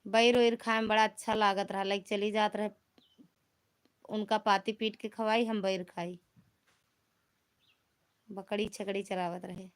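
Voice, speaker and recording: A woman's voice: mid-range voice, level tone, unhurried, pauses often, clean tone. A woman with an Awadhi accent hosting a casual live stream, bantering with viewers in a teasing, rustic way. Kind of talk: casual live chat reading comments.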